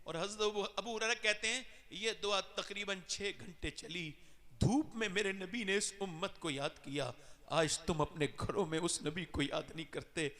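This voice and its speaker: A man delivers an emotional sermon, his voice swinging sharply between loud cries and low, hushed passages. The impassioned delivery sweeps widely in pitch and volume, and the recording carries the long reverb of a large hall.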